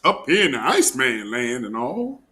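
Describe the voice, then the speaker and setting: An American man from Portland, Oregon hosts a live commentary show, casual, opinionated, mocking and sarcastic. His mid-range voice is bright and forceful, very animated, at a normal speed.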